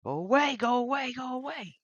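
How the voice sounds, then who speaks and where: A man voicing a tormented old man who swings between low muttering and high screams. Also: unhurried, dry recording, lo-fi sound. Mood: frantic.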